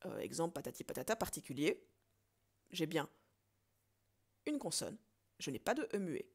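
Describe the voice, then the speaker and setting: A woman teacher giving a recorded lesson, explaining step by step and slowing down to count syllables aloud. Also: low voice, big pitch swings, a little mellow, breathy edge. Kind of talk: recorded French lesson on poetry.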